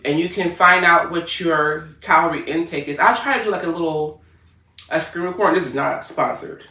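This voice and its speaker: A woman's voice: on the low side, bright, forceful tone, husky. A woman vlogging in a loose, informal way, talking straight to her viewers from her home kitchen. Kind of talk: casual how-to vlog chat.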